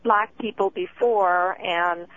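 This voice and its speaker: A woman in her forties from the Netherlands calling into a radio show, telling a story hesitantly with many pauses and fillers. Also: medium pitch, steady tone, fairly bright tone. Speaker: caller. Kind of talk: phone-in storytelling. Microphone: telephone. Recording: dull lo-fi phone call on radio.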